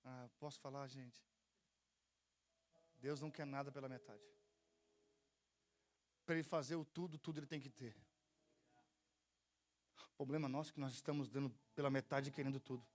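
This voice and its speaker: A man's voice: mid-range voice, moderate pace, pauses often. A man with a Brazilian Portuguese accent preaching a sermon at a church service, telling stories with jokes and asking the congregation to repeat after him. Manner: lively storytelling with jokes and call-and-response. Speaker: pastor.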